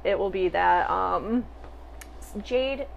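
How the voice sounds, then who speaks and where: A woman's voice: medium pitch, slow pace, creaky, highs cut off, slight background noise. Young woman co-host, chatty, giggles through rambling thoughts. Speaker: podcast co-host. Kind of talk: casual chat.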